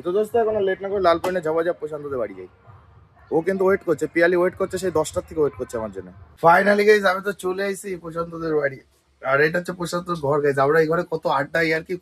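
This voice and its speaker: Young male vlogger, hoarse from a cold, rattles along at breakneck speed in a slightly high voice, chatty to camera. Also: slight background noise. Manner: chatty, keeps talking straight to viewers. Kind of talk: casual daily vlog. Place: at home, indoors.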